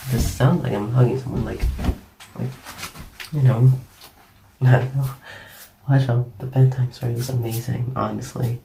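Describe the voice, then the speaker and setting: Sick raspy man whispering late at night. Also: medium pitch, warm tone, roomy sound, recorded from a distance, a little hiss or hum. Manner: rambling, giggly, self-deprecating. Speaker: ASMR creator. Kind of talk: casual whispered chat.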